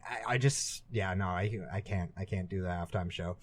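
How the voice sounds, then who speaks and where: A man's voice: low voice, normal speed, husky, no echo. A young man co-hosting a podcast in casual chat, joking around with frequent restarts. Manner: jokey, hesitant restarts. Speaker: podcast co-host.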